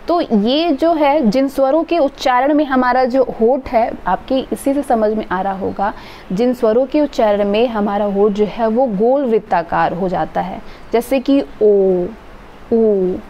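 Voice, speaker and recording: A woman's voice: a little high, mellow. A woman teaching an exam-prep grammar lesson, explaining step by step and drawing out sample sounds. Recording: dull lo-fi recording with faint noise.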